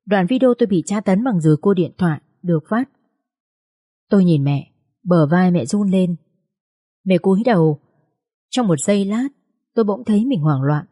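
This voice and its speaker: A woman's voice: fairly low pitch, mellow, no room sound, studio quality. A woman narrating an emotional first-person story as an audiobook reader.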